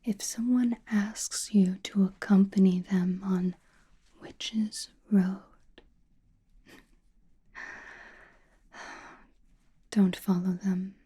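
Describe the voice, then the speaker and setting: A woman's voice: mid-range voice, steady tone, heavily acted. Woman acting out a whispering, enigmatic Scarlet Witch sorceress. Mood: cautioning. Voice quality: soft breathy whisper. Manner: slow, deliberate, cryptic, addressing listener intimately. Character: enigmatic, knowing adult woman sorceress of chaos magic. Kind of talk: ASMR roleplay, whispered.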